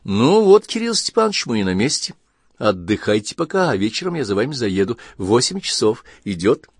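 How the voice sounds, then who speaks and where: A man voicing a businesslike young woman driver in an audiobook reading, pitching his voice up. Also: big pitch swings, husky, no room sound, clean studio sound. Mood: brisk. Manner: businesslike, brisk.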